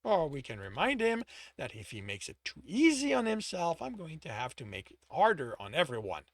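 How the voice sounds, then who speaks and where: A man's voice: on the high side, huge pitch swings, normal speed, no echo, studio quality. A man voicing a wry sentient dungeon.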